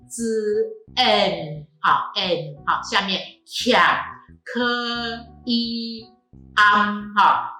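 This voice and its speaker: A woman teaching a pronunciation lesson, patient and slow, drawing out sounds and repeating them, with a Taiwanese Mandarin accent. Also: mid-range voice, pushed and bright, roomy sound. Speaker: language teacher. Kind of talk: phonetics lesson.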